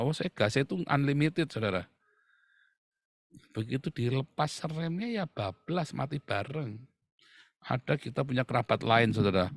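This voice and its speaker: A man's voice: on the high side, creaky, no room sound, clean studio sound. A middle-aged man preaching a sermon to his congregation, acting out playful mock quotes as he goes. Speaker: pastor.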